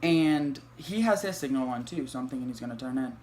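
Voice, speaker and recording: A young man, telling a storytime vlog in an animated, profane way full of fillers. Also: mid-range voice, brisk, a little hiss or hum. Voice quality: light voice. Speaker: vlogger.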